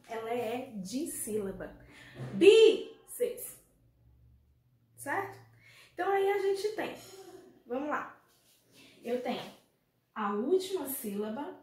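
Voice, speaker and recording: A Brazilian woman teaching a remote primary school class, speaking affectionately and asking the pupils questions. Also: high voice. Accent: Brazilian Portuguese. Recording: echoey room, faint noise.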